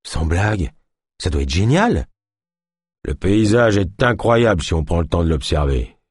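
A man voicing a calm, fearless caged man who speaks with resignation. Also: low-pitched, a little slow, husky, no echo, studio quality, exaggerated voice. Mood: resigned.

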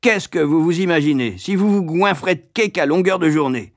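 A man voicing a brutal boarding-school matron who barks orders in a booming voice. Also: animated, fast, dry recording, clean studio sound, close to an everyday voice. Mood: barking. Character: harsh, bullying boarding-school matron, woman.

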